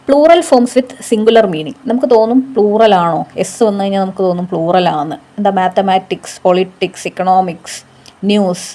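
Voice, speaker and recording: A woman's voice: mid-range voice, dark tone. A woman teaching a grammar lesson for exam coaching. She explains patiently, asks rhetorical questions and often checks in with "okay".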